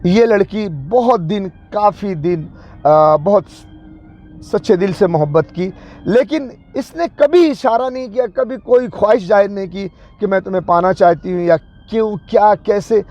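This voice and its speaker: A man recounts memories from his youth in a slow, reminiscing storytelling manner. His voice sits high and carries a rough, gravelly fry. The recording sounds muffled and lo-fi. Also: a little mellow. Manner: unhurried, reminiscing narration. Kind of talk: personal storytelling. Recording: dull lo-fi recording.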